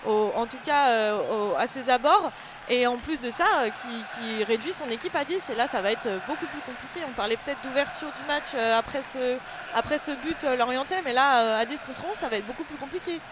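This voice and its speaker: Live sports co-commentator, high voice, hesitant analytical delivery, noisy outdoor background. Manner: hesitant, halting, repeats words while explaining. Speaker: football co-commentator. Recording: noisy outdoor ambience behind the voice.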